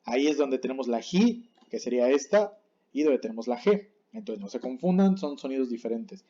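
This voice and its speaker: A man teaching a language lesson, patiently saying each word slowly and then again to contrast the right and wrong way, and often checking that his class follows. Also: medium pitch, lively intonation, dark tone, highs cut off. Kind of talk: explaining Japanese pronunciation on screen.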